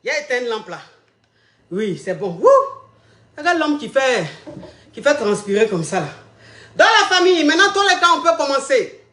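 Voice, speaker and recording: High bright woman hosting call-ins. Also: sing-song, moderate pace, long pauses, a little hiss or hum. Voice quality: theatrical, sing-song hype announcements. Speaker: call-in show host. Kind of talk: animated live-stream chat. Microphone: phone or webcam on a live stream. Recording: roomy echo.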